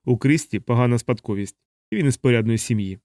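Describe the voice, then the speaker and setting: A man voicing a sardonic young bomber captain in a hospital bed, speaking in a deadpan, mocking way. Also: mid-range voice, quick pace, no echo, clean studio sound, lightly acted.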